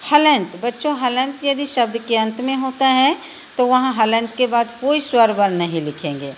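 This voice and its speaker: A woman's voice: a little high, animated, moderate pace, slight background noise. A woman teacher with a Bihari Hindi accent, patiently spelling out letters one by one in a recorded lesson for children.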